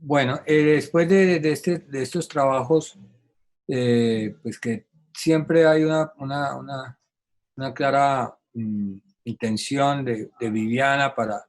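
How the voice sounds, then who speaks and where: A man hosting an online talk, asking a long question with many pauses, fillers and repeated words. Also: medium pitch. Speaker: host.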